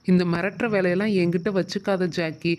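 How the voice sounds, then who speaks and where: A woman's voice: on the low side, flat delivery, fairly quick, darkish tone, natural voice. A woman voicing a cocky, defiant schoolboy in a doll show, talking back in a mocking tone. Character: cocky schoolboy who turns frightened.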